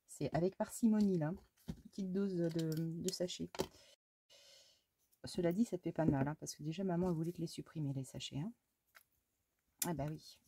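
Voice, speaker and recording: Husky-voiced woman chatting while crafting. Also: lowish voice, dark tone, no echo. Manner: chatty, mutters to herself and exclaims at mishaps; talks fondly to her cat between steps. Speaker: scrapbooking crafter. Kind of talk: casual crafting vlog chat.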